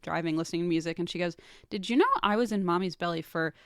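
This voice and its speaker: A woman's voice: on the low side, fast, clean tone, dry recording, clean studio sound. A woman guest on a podcast, telling stories in casual chat and acting out the lines she quotes. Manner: animated storyteller, acts out quotes.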